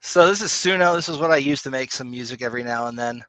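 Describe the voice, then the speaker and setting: A man's voice: medium pitch, fast, a bit bright, dry recording, rough recording. A man co-hosting a podcast in casual, rambling chat, laid-back and swearing now and then. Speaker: podcast co-host.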